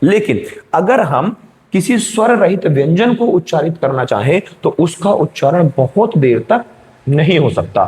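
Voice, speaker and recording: A man's voice: a little high, lively intonation, unhurried, darkish tone. A male teacher giving an exam-prep grammar lesson, explaining step by step and checking in with his students.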